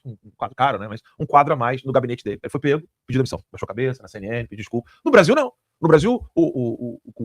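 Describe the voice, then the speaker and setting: A man's voice: medium pitch, no room sound. A man hosts a live studio show and talks at a racing clip. His delivery is heated and emphatic, driving his points home by repeating them. The sound is close and dry. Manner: rapid, emphatic, repetitive, crude jokes. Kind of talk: heated political commentary.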